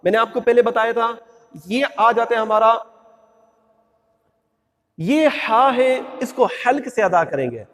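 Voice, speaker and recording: A man's voice: extremely high pitch, expressive, moderate pace, fairly bright tone, long reverb tail. A man teaching how to pronounce the letters of the Quran, patiently drawing out each sound in a sung recitation. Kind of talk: religious lesson on pronunciation.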